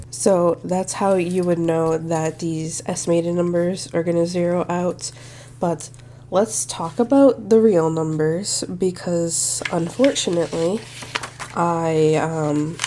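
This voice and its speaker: Working through her numbers out loud, a budgeting channel host gives a friendly, casual walkthrough to camera. The young woman's tone is low and mellow with little pitch movement, and congestion makes her sound slightly nasal. There's a faint hiss in the background.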